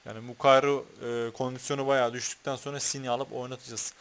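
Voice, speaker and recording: A man talking through his own football video game at an ordinary middle pitch. He mutters while picking his team, then berates his players and the referee and curses when things go wrong. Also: little pitch movement, quick pace, fairly bright tone, clean tone. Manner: talks to the players on screen, swears, gets heated over fouls. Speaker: gaming YouTuber.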